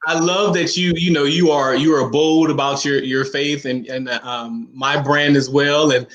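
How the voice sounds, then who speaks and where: A man's voice: a little high, fairly even intonation, a little slow, a bit bright, highs cut off, slight background noise. A man hosting a casual talk show, speaking in an easygoing, reflective way. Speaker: host, fashion designer.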